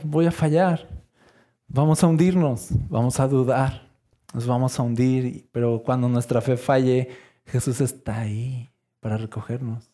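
A man preaching a sermon in a conversational, animated way, acting out scenes as he goes. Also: fairly high pitch.

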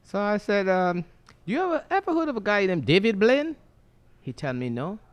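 A man's voice: high-pitched, normal speed, clear, resonant tone. A man with a Caribbean accent, a barber telling funny stories in casual chat at a barbershop, laughing often. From Saint Lucia. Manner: animated, laughing storyteller. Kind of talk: casual storytelling.

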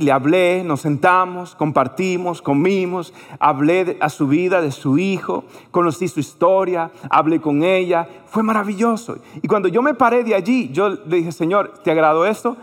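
A pastor delivers an animated sermon, acting out conversations in a fairly high male voice. His words ring through a hall with a long reverb tail. He moves between excited storytelling and earnest exhortation.

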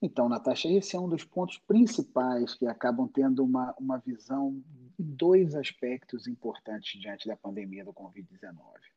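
Formal Brazilian man, mellow and slightly muffled. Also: medium pitch, animated, breathy edge. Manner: measured, formal, wordy. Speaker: podcast guest, environmental lawyer. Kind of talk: formal expert explanation in an interview.

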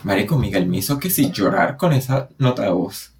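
A man with a Venezuelan accent co-hosting a casual podcast chat, animated and dramatic as he acts out the voices he quotes. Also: lowish voice, fairly quick. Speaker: podcast co-host.

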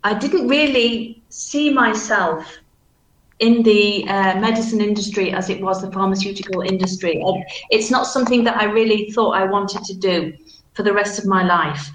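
Echoey, softened Manchester woman with flat vowels. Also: medium pitch, normal speed, a little hiss or hum. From Manchester, England. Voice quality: flat vowels, strong hard g in -ing endings. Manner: careful, explanatory speech. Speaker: English teacher. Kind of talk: informal question-and-answer talk. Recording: echoey room sound.

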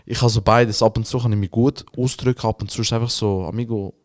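Young guy, lowish voice, chill slangy podcast banter. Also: fairly even intonation, fast, no room sound, studio quality. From Switzerland. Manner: slangy, laid-back banter. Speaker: podcast co-host. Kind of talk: casual chat.

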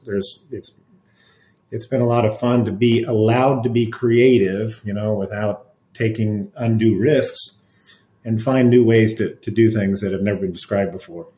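A middle-aged man, an interventional cardiologist talking through stories in an interview, animated, with restarts and laughs. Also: fairly low pitch, normal speed, roomy sound. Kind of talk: conversational interview storytelling.

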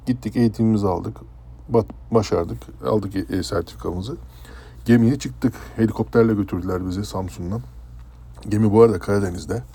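A man from Turkey, a former ship's chef, casually recounting a personal story in a conversational, animated way. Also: fairly low pitch, fairly quick, slightly rough. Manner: conversational, animated when telling dramatic parts.

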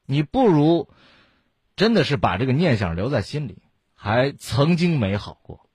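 Husky man giving blunt advice. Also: medium pitch, big pitch swings, unhurried, darkish tone, no room sound, clean studio sound. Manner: blunt, lecturing, rhetorical questions. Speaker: radio advice host. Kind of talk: call-in advice talk.

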